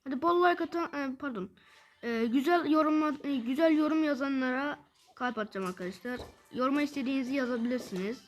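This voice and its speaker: Giving live gameplay commentary as a gaming creator, a woman sounds excited in a voice that sits high. She grows frustrated fast and shoots out repeated words in bursts.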